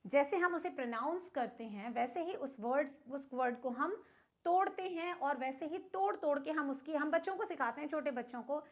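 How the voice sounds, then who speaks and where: A woman's voice: high-pitched, animated, moderate pace. A woman with an Indian accent explaining an English lesson to students, patiently asking questions and answering them herself. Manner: mixes English words into Hindi. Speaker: English teacher.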